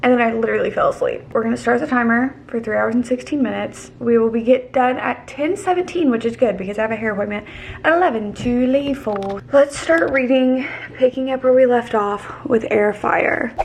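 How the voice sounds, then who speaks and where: A woman's voice: on the high side, fairly quick, vocal fry, slight background noise. A young woman vlogging casually about her reading, chatty and gushing, tripping over fantasy names. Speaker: book vlogger. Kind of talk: casual chat.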